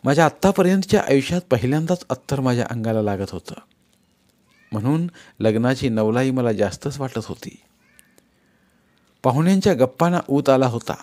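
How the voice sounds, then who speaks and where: A man reading a first-person story aloud with a wry, measured storytelling manner. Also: medium pitch, lively intonation, a little mellow. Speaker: audiobook narrator. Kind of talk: storytelling narration.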